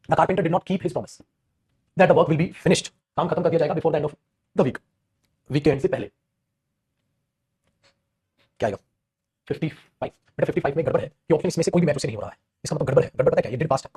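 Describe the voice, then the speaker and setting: A man's voice: fairly high pitch, darkish tone, breathy edge. A man teaching English grammar in an online exam-prep lesson, explaining in Hindi, reading English example sentences aloud, quizzing students and calling them "beta".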